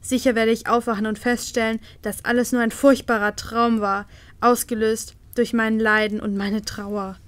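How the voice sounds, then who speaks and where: A woman reading a storybook voices a proud, jealous, grieving queen who speaks loudly and forcefully. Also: on the high side, flat delivery, normal speed, lightly acted. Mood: anguished. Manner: loud and forceful, with sobbing outbursts.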